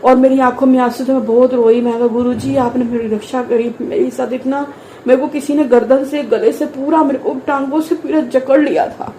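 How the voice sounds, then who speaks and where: A woman's voice: high voice, fairly even intonation, normal speed, dark tone, echoey room, a little hiss or hum, low-quality recording. A middle-aged woman telling an earnest, emotional devotional testimony and often addressing the congregation directly.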